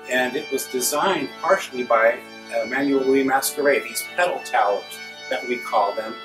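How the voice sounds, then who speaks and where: Middle-aged man in an echoey cathedral. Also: medium pitch. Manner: measured, explanatory, appreciative. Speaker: cathedral organist and music director. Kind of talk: guided presentation to donors. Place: large cathedral organ gallery, indoors. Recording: echoey cathedral with organ music behind.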